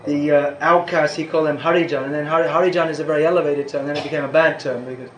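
An older man acting as a spiritual teacher gives an informal question-and-answer talk, rambling, interrupting himself to restart sentences, and chuckling now and then. His voice is a little high with fairly even intonation, and he talks very fast. The room is echoey with faint background noise.

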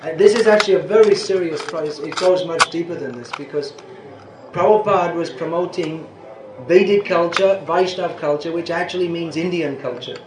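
At a moderate pace and in a fairly high voice, an older man answers questions informally as a spiritual teacher. He rambles, breaks off to start sentences over, and chuckles occasionally, with the echo of the room and faint background noise audible.

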